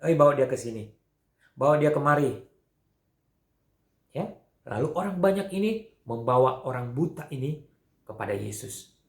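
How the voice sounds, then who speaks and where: A man teaching Sunday school, telling a Bible story to children in an animated way, with frequent fillers, acting out the characters' lines. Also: on the high side. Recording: echoey room.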